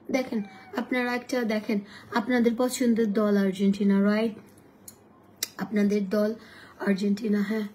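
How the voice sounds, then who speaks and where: A hoarse woman chatting casually with viewers on a live stream and pitching offers from her shop. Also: warm tone, a little hiss or hum. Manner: chatty, addresses viewers directly, switches to sales pitch.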